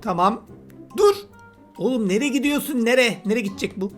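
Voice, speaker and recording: A man's voice: very high voice, animated, a little fast, soft background music. A man giving casual let's-play commentary, chatty and teasing, talking to the game's characters as he plays. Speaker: gameplay commentator.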